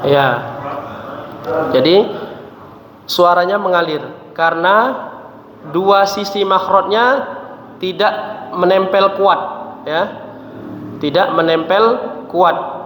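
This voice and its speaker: A man's voice: sits high, fairly bright tone, slight background noise. A man teaching Quran recitation, patiently drilling letter sounds and often ending phrases with a short tag. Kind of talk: tajwid lesson with letter drills. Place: mosque hall. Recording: echoey hall with faint ambience.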